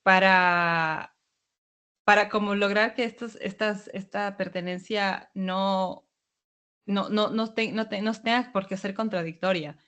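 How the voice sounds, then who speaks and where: Co-host from Ecuador, mid-pitched voice, thoughtful casual chat. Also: slow, clean tone. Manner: thoughtful, storytelling, animated asides. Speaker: podcast co-host. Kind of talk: casual conversation.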